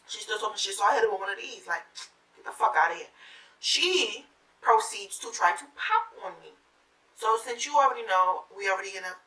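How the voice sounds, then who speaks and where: Young woman, brash storyteller on her beauty channel, bright voice, roomy room, mic a few feet off. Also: mid-range voice, distant mic. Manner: animated, profane, acts out the quotes. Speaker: beauty vlogger. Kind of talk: casual storytime while doing makeup. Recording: roomy sound, mic set back.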